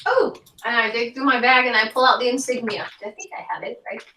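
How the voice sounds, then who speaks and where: High-voiced woman in an echoey room. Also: steady tone, brisk, bright, forceful tone. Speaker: player. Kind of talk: tabletop game chat. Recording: echoey room, far from mic, faint noise.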